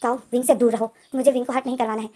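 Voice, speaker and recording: A woman voicing a desperate young male prince who shouts loud pleas in a storytelling recap. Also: a little high, flat delivery, very fast, lightly acted. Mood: shouting.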